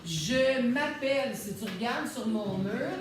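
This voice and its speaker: A woman teacher, slowly sounding out syllables in a phonics lesson for young children. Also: a little high, lively intonation, noisy background. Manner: slow, deliberate, sounds out syllables. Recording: echoey room, voice from a distance.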